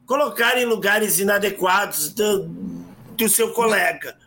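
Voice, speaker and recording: A man, co-hosting a casual chat and telling stories with lively acted quotes and frequent restarts. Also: high-pitched, a little slow, crowd noise. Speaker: podcast co-host.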